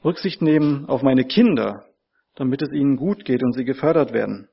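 Husky-voiced man preaching a sermon. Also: mid-range voice, animated, normal speed, highs cut off. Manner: earnest, repeats key phrases for emphasis.

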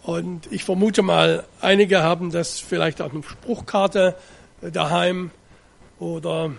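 A middle-aged man from eastern Germany preaching a sermon, reading scripture in a measured, solemn way with slow, weighty stresses. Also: sits high, steady tone, vocal fry. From Ore Mountains, eastern Germany.

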